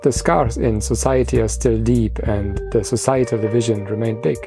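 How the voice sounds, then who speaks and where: A man hosting a podcast, reading a measured, formal introduction and asking interview questions. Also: mid-range voice, creaky, over music. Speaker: podcast host.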